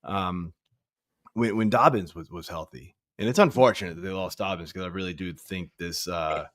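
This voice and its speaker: This is a man in his thirties appearing as a guest fantasy football analyst on a sports podcast, with a low voice at normal speed. He talks casually and rambles, restarting often and saying "I mean" a lot. The studio sound is clean, with no room sound.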